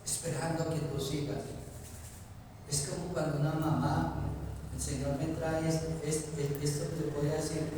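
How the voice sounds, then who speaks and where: A male pastor preaching a sermon, with sudden loud climbs and pleading cries, often asking the congregation questions. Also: on the high side, little pitch movement, moderate pace. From Colombia. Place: church hall. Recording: echoey church hall from far off, noisy.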